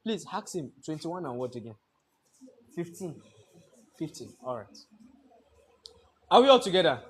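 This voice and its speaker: A man's voice: a little high, sing-song, a little slow. A man teaching a trading class, lecturing in a classroom and constantly quizzing students with fill-in-the-blank questions. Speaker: trading instructor.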